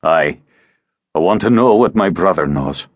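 A young male sorcerer, grim and defiant in his grief, voiced by a male narrator. His voice is low and slow, clipped and resolute. The sound is close and dry. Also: expressive, dry recording. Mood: hushed insistent.

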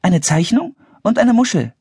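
A man voicing an eager, cheerful young girl in a storybook audiobook, his voice raised high and bubbly. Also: expressive, normal speed, darkish tone, husky, no echo, clean studio sound, heavily acted.

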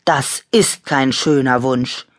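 A woman voicing a calm, kindly male stuffed toy lion who speaks in a gentle, reproving way, in a storybook reading. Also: slow pace, no room sound, studio quality. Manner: gentle, reproving, low-key.

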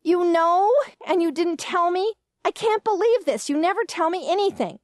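A woman voicing an indignant, excitable grown daughter who complains loudly in a storybook reading. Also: high voice, moderate pace, no echo, studio quality, pitched above the performer's own voice. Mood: outraged. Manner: outraged, complaining.

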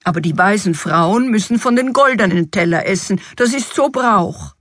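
A woman voicing an excitable, fussy fairy-tale king in a storybook reading, with an exuberant, exclamatory manner. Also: medium pitch, moderate pace, no echo, studio quality. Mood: grumbling.

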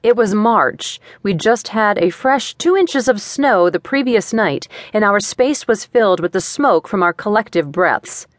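A woman reading a first-person thriller aloud in a measured, matter-of-fact way, on a studio microphone. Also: medium pitch, animated, no echo. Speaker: audiobook narrator.

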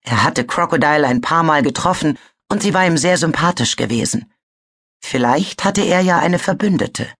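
A woman's voice: sits low, expressive, moderate pace, a bit bright, husky. Woman narrating a fantasy audiobook. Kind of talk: scripted narration.

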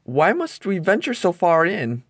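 A man's voice: high voice, huge pitch swings, measured pace, no room sound, studio quality, pitched above the performer's own voice, exaggerated voice. A man voicing a timid, nervous young male pirate sidekick who asks hesitant questions.

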